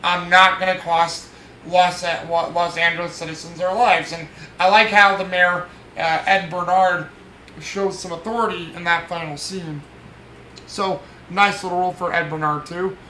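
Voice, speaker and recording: A movie podcast host speaks at normal speed in a high, sharp voice with little pitch movement. He rambles through a casual review, full of fillers and restarts as he retells scenes, in an echoey room with faint noise.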